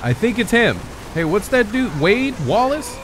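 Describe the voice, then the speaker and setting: This is a man streaming a game and giving casual commentary with excitable, joking, swearing reactions. His voice sits high for a man. It jumps around a lot in pitch. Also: a little slow, noisy background. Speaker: gaming streamer.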